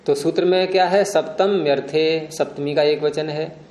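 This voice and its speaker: Male grammar teacher, slightly high voice, patient explainer who quizzes his class; echoey room. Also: fairly even intonation, moderate pace, a little mellow. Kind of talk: classroom lecture with questions to students.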